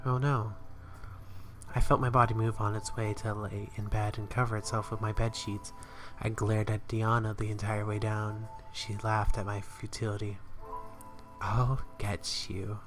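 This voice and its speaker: A man's voice: on the low side, little pitch movement, moderate pace, music in the background. A man playing through a visual novel, reading the narration aloud and breaking off for joking asides. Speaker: let's player.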